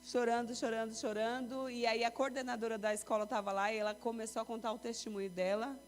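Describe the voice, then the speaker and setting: Woman telling a lively church testimony. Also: a little high, quick pace. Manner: lively storytelling, acting out quoted voices. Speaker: church speaker giving testimony. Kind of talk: sermon testimony. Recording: long reverb with faint music.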